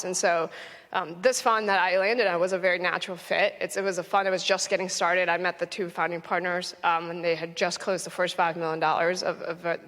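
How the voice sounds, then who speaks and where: A woman's voice: fairly low pitch, a bit bright. A young adult woman from Florida, a venture investor speaking earnestly on a conference panel with frequent "um"s and restarts. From United States (Orlando, Florida). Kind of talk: conversational panel talk. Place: conference stage in a large hall. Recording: long hall reverb.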